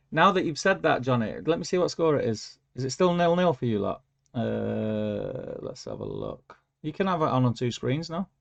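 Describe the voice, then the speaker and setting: A man with a sing-song, mid-range voice and some vocal fry talks at normal speed on his casual livestream. Scrolling through viewer comments, he hums and rambles, leaning heavily on fillers, over lo-fi stream audio.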